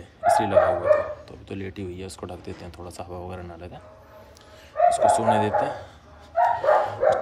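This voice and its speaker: A man's voice: on the low side, heavy background noise. A man chatting casually through a vlog walkthrough of an outdoor yard where he cares for dogs, often calling out to them. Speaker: dog shelter caretaker. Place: outdoor yard at a home under construction.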